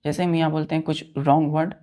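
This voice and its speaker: A man's voice: fairly high pitch, flat delivery, fast talker, dark tone. A man teaching an online grammar lesson as a patient teacher who repeats key points and keeps checking that students follow. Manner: mixes English words into Hindi explanation; patient and repetitive.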